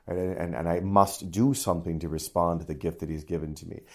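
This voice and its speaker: Deep-voiced priest, dry wry humor. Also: male voice, steady tone, quick pace, a little mellow. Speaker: priest co-host. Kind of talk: casual podcast conversation.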